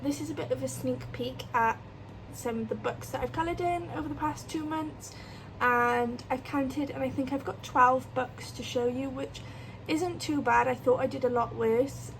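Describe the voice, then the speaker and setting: A woman's voice: high voice, fairly even intonation, moderate pace, rough recording. A British woman chatting casually as the host of a colouring vlog. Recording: clear fan noise behind voice. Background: electric fan.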